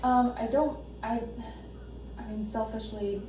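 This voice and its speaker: An anxious, devoted wife, acted by a woman in a role-play, talking haltingly as if justifying herself. She sounds distant from the mic in a strongly echoing room with noticeable noise. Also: on the high side, fairly even intonation, warm tone, close to an everyday voice. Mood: anxious, apologetic. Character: anxious, devoted wife caring for her husband. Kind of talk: role-play counselling session. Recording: echoey room, distant mic, noisy background.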